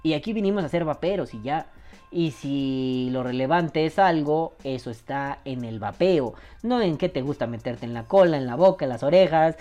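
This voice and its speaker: A man with a Mexican Spanish accent hosting a casual podcast from home, joking and swearing as he reads listener comments. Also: on the high side. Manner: joking, profane, animated. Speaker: podcast host. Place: home room.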